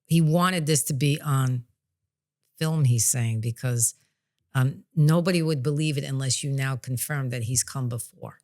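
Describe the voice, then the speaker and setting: A woman appearing as a guest psychic medium explains things in a casual, conversational way, often halting and restarting. Her voice is bass-deep and a little mellow.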